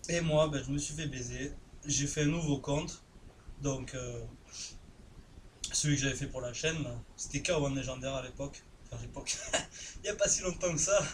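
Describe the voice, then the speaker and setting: A man's voice: mid-range voice, moderate pace, pauses often, slight background noise. A man in his twenties with a southern French accent, talking casually and crudely with lots of fillers while commenting live on a video game. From southern France. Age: 20s. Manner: casual, rambling, crude slang. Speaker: gaming YouTuber.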